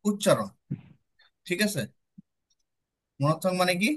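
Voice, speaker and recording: A man's voice: sits high, expressive, measured pace, a bit bright, husky. A young man with a Bangladeshi accent tutoring students, explaining step by step and checking in with them often. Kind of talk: classroom lecture with student questions.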